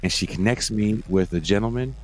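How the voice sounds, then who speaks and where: This man hosts a casual interview podcast out of Oakland, California, speaking a little fast in a fairly low voice. He's relaxed, laughs a lot, and swears without holding back.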